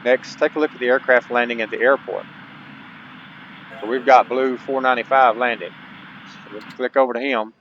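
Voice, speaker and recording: A mid-range, slightly bright male voice at normal speed with fairly even intonation and frequent pauses hosts a gaming channel tutorial. He reads out on-screen instructions and addresses viewers casually with folksy asides; the dull lo-fi mic has faint background noise.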